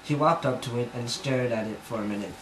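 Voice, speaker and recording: Fairly quick and medium-pitched, a man gives a comic dramatic fan fiction reading from his bedroom, rambling and often stumbling in a self-conscious way. The amateur recording, made on a camera mic, has room echo, background noise and crowd noise.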